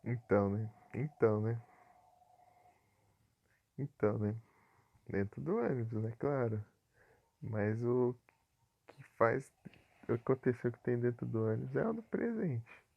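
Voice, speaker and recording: A man, a streamer chatting casually while playing, talking in slow, rambling bursts and repeating fillers. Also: mid-range voice, animated, vocal fry. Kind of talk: casual live-stream gaming chat. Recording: tinny phone-like audio.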